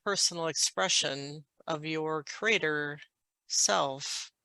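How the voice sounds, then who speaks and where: Brief: a woman voicing an otherworldly galactic guide, very slow and deliberate, clear, smooth tone. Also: sits low, pushed and bright, no echo, heavily acted. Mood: serene. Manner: slow, halting, formal phrasing. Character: galactic being speaking through a channel, calm and unhurried. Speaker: trance channel. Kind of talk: channeled spiritual guidance.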